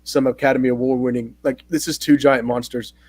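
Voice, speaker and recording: A man hosting a casual movie-review chat, relaxed and animated when he gets going. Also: mid-range voice, a little fast, no echo. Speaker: host.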